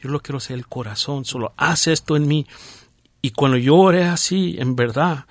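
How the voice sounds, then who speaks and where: A man sharing a personal testimony in conversation, halting and restarting as he tells it, slipping English phrases in now and then. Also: on the high side, dry recording, studio quality.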